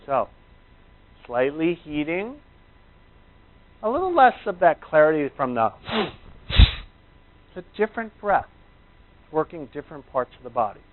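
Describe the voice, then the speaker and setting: A man's voice: fairly high pitch, very animated, a little slow, pauses often, slight background noise. A man teaching breathing exercises informally to a class, reassuring and conversational. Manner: reassuring, conversational, checks in with "you know" and "right". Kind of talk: informal spoken instruction to a class. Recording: tinny, narrow phone-like sound.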